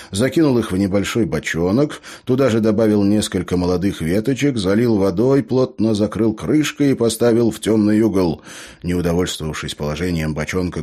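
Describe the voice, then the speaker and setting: A man narrating a fantasy audiobook in an expressive storytelling manner. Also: sits low. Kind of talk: scripted narration.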